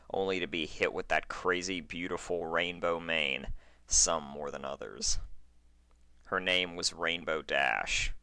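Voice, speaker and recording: This man reads fan fiction aloud as an amateur, starting with a chatty intro before moving into expressive narration. His voice sits low with a sharp tone, and the recording is dry.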